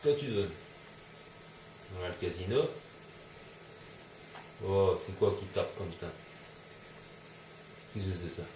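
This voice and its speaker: A man's voice: low voice, slow, long pauses. Guy doing let's play commentary, jumpy and swearing a lot, echoey room, faint hum behind. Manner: excitable, swears and yelps when startled. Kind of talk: live gameplay commentary.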